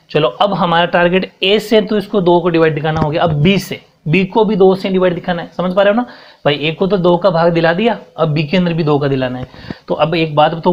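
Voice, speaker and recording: A young man teaching a school math lesson at the board, explaining each step and often checking whether the students follow. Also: on the high side. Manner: explains step by step, mixing in English terms, keeps checking understanding. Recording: dull lo-fi recording.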